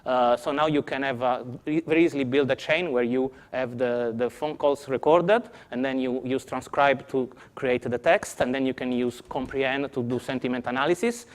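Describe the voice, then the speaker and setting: A man's voice: mid-range voice, moderate pace, hardly any pauses, clear, resonant tone. A man with an Italian accent answering audience questions as a conference presenter, explaining patiently with some restarts. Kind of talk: technical Q&A answers.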